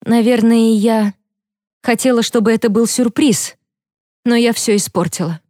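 A woman voicing a teenage girl who is upset and crying, high and strained. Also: moderate pace, dark tone, dry recording, clean studio sound, close to an everyday voice. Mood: sobbing.

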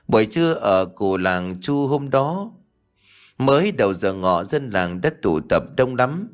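Low-voiced male ghost-story narrator. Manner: steady, measured storytelling. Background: faint music.

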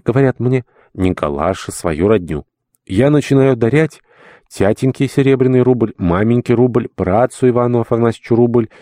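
A man's voice: on the low side, warm tone, dry recording, studio quality, natural voice. A man reading an audiobook, voicing a humble, sentimental elderly male dwarf servant who talks in a fussy, obsequious, old-fashioned polite way. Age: older. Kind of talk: audiobook character voice.

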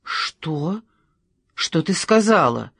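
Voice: medium pitch, normal speed, no echo, clean studio sound, lightly acted. An audiobook reader voicing a stern, commanding adult woman who speaks in a curt, cold, scolding way. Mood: angry.

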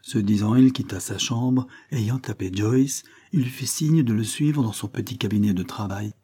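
A male narrator reads a classic novel in a measured, deliberate way. His voice sits low, dark and mellow, with a husky grain. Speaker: audiobook reader.

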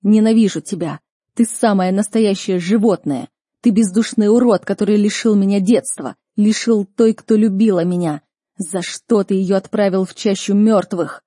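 Woman doing an enraged young man, shouting and accusing, raised and louder, dark dry voice, audiobook. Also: sits high, measured pace, husky, no echo. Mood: furious. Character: furious young man, magic raging.

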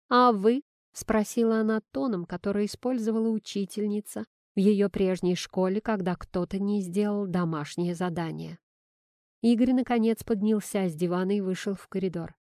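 A woman's voice: medium pitch, no room sound. Woman narrating a story in a dry close voice. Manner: lively, plays the scenes out.

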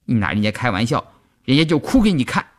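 A man doing a high-voiced weepy teenage girl soldier. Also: sing-song, fast, close to an everyday voice. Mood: tearful pouting. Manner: high and childish. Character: lively teenage girl soldier, cries easily.

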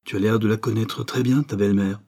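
Man reading as a curt young man, gruff short replies, dark husky voice, storybook reading. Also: fairly low pitch, steady tone, brisk. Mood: irritated.

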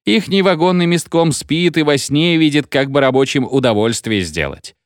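A man voicing an indignant, rowdy crowd of male rail workers, shouting in a raised, strained voice. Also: fairly high pitch, normal speed, dry recording, clean studio sound, pitched above the performer's own voice, natural voice.

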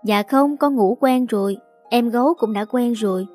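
A woman's voice: normal speed, warm tone, soft background music, lightly acted. A woman doing a sweet pleading little girl. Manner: high childlike pleading voice. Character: small chatty clingy daughter, sweet and pleading.

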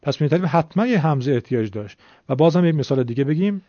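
A man's voice: fairly high pitch, expressive, warm tone, no echo. A man giving a patient, polite, step-by-step lesson on Quran recitation. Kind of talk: classroom lesson explanation. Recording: dull lo-fi dry recording.

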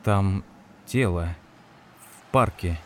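A man reading an audiobook, voicing a panicked shopkeeper who shouts frantically in a high, cracking voice. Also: drawn-out words, heavily acted. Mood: shaken. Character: panicked middle-aged male shopkeeper.

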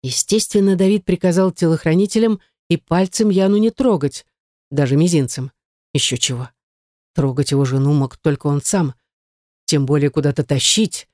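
Brief: even, steady novel narration, mid pitch, very dry close mic. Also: moderate pace, no echo. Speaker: audiobook narrator.

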